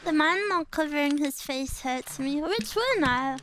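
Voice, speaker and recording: A woman's voice: high voice, expressive, unhurried, fairly bright tone, slight background noise. A woman chatting casually as a viewer reacting to footage. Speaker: viewer reacting to a climbing film.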